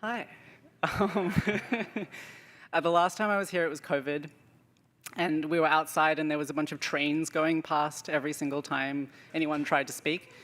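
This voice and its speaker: A man's voice: fairly high pitch, fairly even intonation, unhurried, a bit bright. A man not from Canada giving a nervous, chatty acceptance speech full of fillers. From outside Canada. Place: banquet hall. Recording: reverberant hall.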